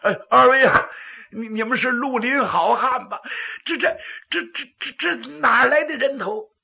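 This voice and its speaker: A storyteller as a raspy, blustering corrupt magistrate. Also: male voice, high voice, slow, dull audio, heavily acted. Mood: frightened, stammering. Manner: dramatic, stammering when frightened. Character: corrupt greedy county magistrate, blustering yet cowardly.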